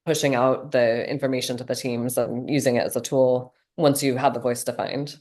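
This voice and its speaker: A woman's voice: extremely low pitch, fairly even intonation, moderate pace, darkish tone. A woman interviewing a guest in a casual conversation, asking long, inquisitive questions.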